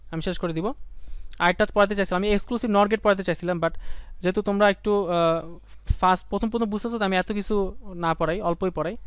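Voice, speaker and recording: A young man teaches a live online class at a quick clip, his voice pitched high and clear. He keeps repeating himself and asks the students rhetorical questions as he urges them on. The sound is dry and close to the mic. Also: fairly bright tone, no echo.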